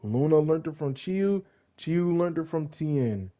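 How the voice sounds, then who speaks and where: A man's voice: a little high, lively intonation, unhurried, warm tone. A young man casually narrating a fan-made backstory, rambling, correcting himself and adding joking asides. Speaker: fan content creator.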